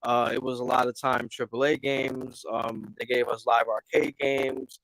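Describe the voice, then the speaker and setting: A man heard through a mic that clips and crackles with distortion, chatting casually on a gaming stream. His voice is mid-pitched and dry, with no room sound around it. He stalls and repeats words as he goes. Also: flat delivery, a bit bright, dry recording. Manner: halting, restarts often with repeated words. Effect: clipping distorted mic. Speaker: guest on a gaming talk stream. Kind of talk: casual online chat.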